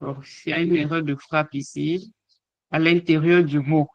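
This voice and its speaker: A man's voice: fairly high pitch, little pitch movement, moderate pace, gravelly, no echo, lo-fi sound. A man teaching an online language lesson, hesitating often with fillers as he sounds out letters and example words. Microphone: online call microphone.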